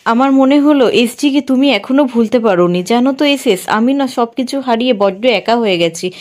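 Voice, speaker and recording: A woman's voice: a little high, moderate pace, a little mellow, lightly acted. A woman reading the lines of a lonely young fiancée who clings to her family, in close to her own voice. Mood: pleading. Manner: plain read-aloud dialogue, barely acted.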